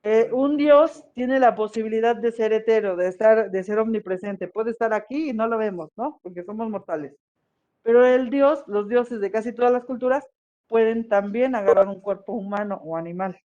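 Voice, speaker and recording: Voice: mid-range voice, moderate pace, darkish tone, highs cut off. A history teacher gives a conversational classroom lecture and often checks in with the students.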